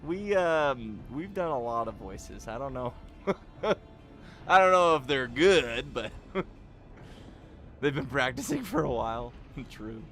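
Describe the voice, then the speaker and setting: A man's voice: mid-range voice, expressive, slow pace, a bit bright, faint music behind. Laughing man hosting a game stream. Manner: laughs often, talks to chat. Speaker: streamer host. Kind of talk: casual gaming livestream chat.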